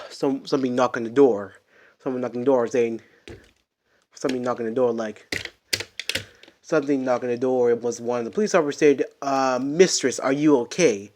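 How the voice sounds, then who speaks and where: A man telling an improvised story from home, rambling and halting, with many restarts and fillers. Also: medium pitch, darkish tone, slight background noise.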